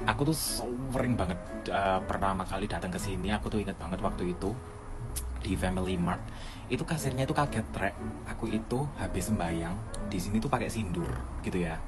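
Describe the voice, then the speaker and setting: Low-voiced man telling a casual story. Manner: animated, acts out quoted dialogue. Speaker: student living abroad. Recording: music playing under the voice.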